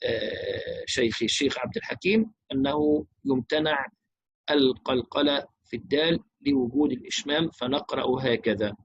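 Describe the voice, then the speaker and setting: A man teaching Quran recitation, explaining rules briskly and chanting verses slowly and melodically. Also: medium pitch, very animated, vocal fry, breathy edge, dry recording, highs cut off.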